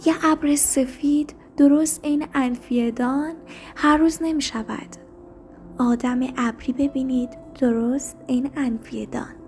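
A woman reading a story aloud in a soft, hushed narration. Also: high-pitched, steady tone, soft background music. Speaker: story reader.

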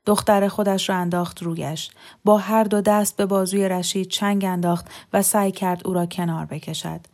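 Calm woman reading a novel aloud. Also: lowish voice. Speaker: audiobook narrator. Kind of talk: scripted narration.

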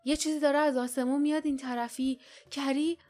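A woman's voice: high-pitched, steady tone, faint music behind, pitched above the performer's own voice, close to an everyday voice. A woman doing a fierce, impatient wild girl. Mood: alarmed. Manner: brisk, sharp, impatient.

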